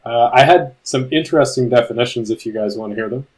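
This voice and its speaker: A man with a Canadian accent co-hosting a podcast, relaxed and self-deprecating as he reads out definitions. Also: mid-range voice, quick pace, low-quality recording. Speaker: podcast co-host. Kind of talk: casual podcast chat.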